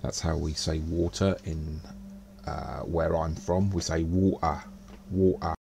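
Deep gravelly-voiced man streaming a game. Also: level tone, measured pace, a little mellow, a little hiss or hum. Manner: muttering to himself while playing. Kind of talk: casual gameplay commentary.

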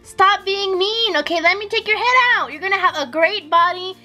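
A woman chatting casually in a vlog, excitable and fretful, gasping as she handles her dolls. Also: very high voice, fast talker, faint music behind. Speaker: doll vlogger.

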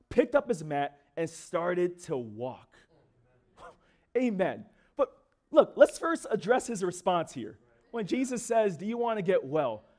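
A man's voice: high-pitched, darkish tone. A young man giving a sermon as a guest speaker in a church, talking casually with filler words and playful acted asides.

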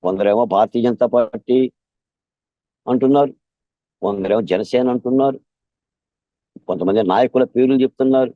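A man speaking as a political guest in an impassioned interview, emphatic and repetitive, often growing loud and intense. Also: medium pitch, normal speed, pauses often, no room sound, phone-quality sound. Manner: emphatic, repeats lines, gets louder and more intense.

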